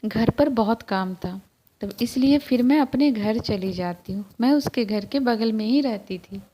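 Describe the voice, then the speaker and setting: A woman's voice: fairly high pitch, a little slow, warm tone, slight background noise. A woman narrating a first-person story in a conversational way, talking directly to her listeners. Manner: conversational, friendly address to listeners. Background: faint music.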